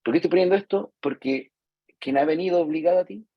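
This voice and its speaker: This fast-talking Chilean man has a fairly high, slightly rough voice, heard through a dry recording with dull audio. As a psychologist lecturing therapists live in Chilean Spanish, he stays conversational, acting out patients and parents and peppering his talk with "¿cierto?" to engage the room.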